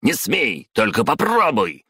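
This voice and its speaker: A man reading a story, voicing a rude, hot-tempered male office boss who talks harshly and shouts. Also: lowish voice, moderate pace, dry recording, clean studio sound, pitched above the performer's own voice. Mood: enraged.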